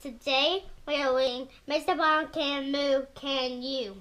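High-voiced woman slowly reading a picture book. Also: steady tone, fairly bright tone. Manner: slow, careful reading with sound imitations. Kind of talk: children's book read-aloud.

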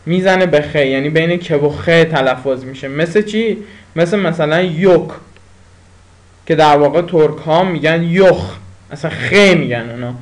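Male tutor with a slightly high voice, drilling vocabulary through repetition and chatty asides. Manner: repeats each word slowly, explains with pauses and fillers. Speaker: language teacher. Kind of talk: spoken language lesson.

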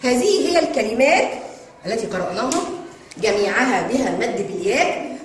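A woman teaching young children to read, spelling out words in long drawn-out sounds. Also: on the high side, expressive. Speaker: kindergarten Arabic teacher. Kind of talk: children's reading lesson. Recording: echoey room with long reverb and faint noise.

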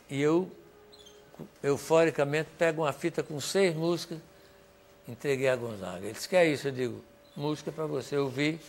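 Slight background noise sits behind this older songwriter's creaky, somewhat high voice, which carries a Northeastern Brazilian accent. Telling his stories as testimony, he animatedly performs the dialogue and breaks into bits of song.

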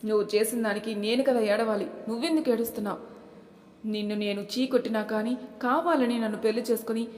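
A woman's voice: a little high, fairly even intonation, fast, a little mellow, lightly acted. A woman voicing a bitter, domineering young husband in an audiobook, speaking in a scornful, taunting way. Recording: echoey room with long reverb.

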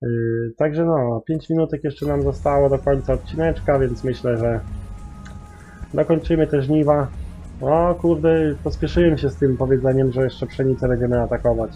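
A man's voice: mid-range voice, moderate pace, mellow, faint music behind, rough recording. A man giving rambling, casual commentary while playing a farming game, full of mild swearing fillers. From Poland. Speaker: gaming YouTuber.

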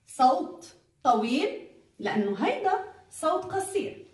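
Woman, Levantine Arabic accent, teacher for young pupils, slow drawn-out letter sounds, encouraging, echoey room, voice off-mic. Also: sits high, far from the mic. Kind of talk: recorded lesson for young pupils.

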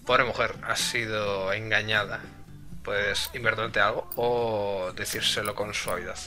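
A man's voice: lowish voice, steady tone, a little slow, bright, forceful tone, soft background music. A man streaming live and translating a game aloud, hesitant and full of fillers.

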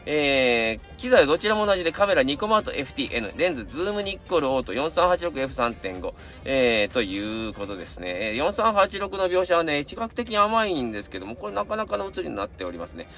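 A man's voice: on the high side, big pitch swings, quick pace, few pauses, fairly bright tone, soft background music. A middle-aged man with a Kansai accent, chatting casually as a camera channel host, rambling with many fillers and asides while reviewing gear and reading viewer submissions.

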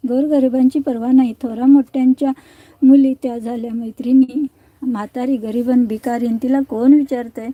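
A woman voicing an angry old beggar woman who is a goddess in disguise, in a storybook tale, speaking slowly and scoldingly. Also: high-pitched, steady tone, dry recording, phone-quality sound. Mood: indignant.

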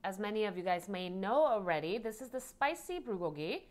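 A woman appearing as a guest on a cooking chat in an indoor kitchen. She talks in a relaxed way, full of "um"s and "like"s. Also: medium pitch, fairly quick. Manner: relaxed, uses fillers like "um" and "like". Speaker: guest food influencer.

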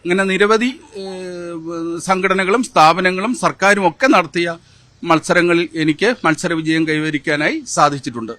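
A man in his fifties, a former mimicry champion, answering interview questions in a measured, hesitant way with many fillers. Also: high-pitched, bright, forceful tone, no room sound. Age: 50s. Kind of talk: interview answers with poem recitation.

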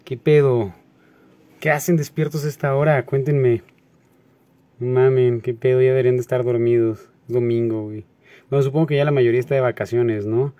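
A man with a Mexico City accent chatting casually on a late-night livestream, greeting viewers by name in relaxed, slangy talk. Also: mid-range voice, a little fast, no echo, lo-fi sound. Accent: Mexico City Spanish. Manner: laid-back, slangy, greets viewers by name, laughs often.

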